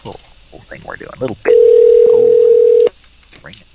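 A man's voice: normal speed, narrow, tinny audio, very noisy. A man hosting a live call-in show, chatting casually with sarcastic, joking asides and rambling comments between calls. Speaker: host.

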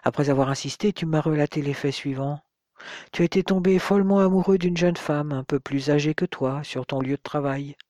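A man doing a calm, gentle older father. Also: a little high, fairly quick, no room sound, clean studio sound, natural voice. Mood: recounting.

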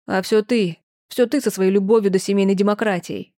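A woman's voice: medium pitch, fairly even intonation, a little fast, warm tone, natural voice. Woman putting on a wailing, scolding mother. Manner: lamenting, reproachful, clipped orders. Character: older mother, shrill, wailing, then stern.

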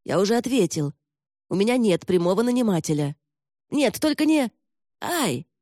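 A woman's voice: mid-range voice, animated, brisk, mellow, no room sound, clean studio sound, pitched above the performer's own voice, close to an everyday voice. A woman voicing a captured young male thief who begs and bargains in a whiny voice. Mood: pleading. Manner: whiny, begging.

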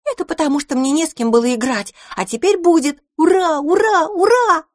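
A woman voicing an excitable little girl mouse who squeals with joy. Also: very high-pitched, fairly quick, no room sound, studio quality, pitched above the performer's own voice. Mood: overjoyed.

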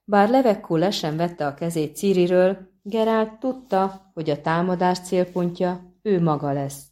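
A woman narrating an audiobook in a calm, measured reading. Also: lowish voice. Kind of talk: scripted narration.

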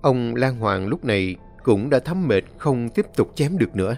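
A male storyteller narrating a horror story in a dramatic, expressive reading. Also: medium pitch, normal speed, creaky. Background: faint music.

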